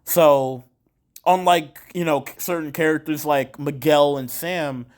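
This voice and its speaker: A man's voice: a little high, steady tone, measured pace. A man talking through his thoughts on a show in a casual, rambling way, with many fillers and restarts and some casual swearing. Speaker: show reviewer. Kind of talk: casual video review.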